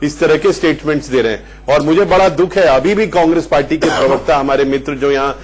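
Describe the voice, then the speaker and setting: A man's voice: a little high, fairly quick. A man arguing as a party spokesperson in a heated television debate, speaking over his opponents.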